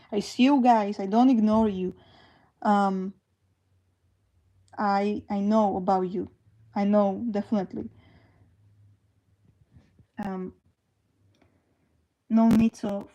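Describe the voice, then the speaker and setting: Woman streamer, 20s, from Slovakia; slow, hesitant, mellow, higher-pitched casual chat. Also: rough recording. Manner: slow, hesitant, many fillers and restarts. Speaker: livestream host. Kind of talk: casual livestream chat reading comments.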